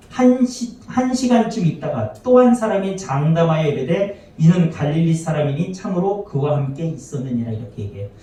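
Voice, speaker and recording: A man's voice: high voice, dark tone. A man, a pastor, preaching a sermon to his congregation, often asking them rhetorical questions and acting out the quoted lines. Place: church sanctuary. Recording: very echoey hall, voice from far off.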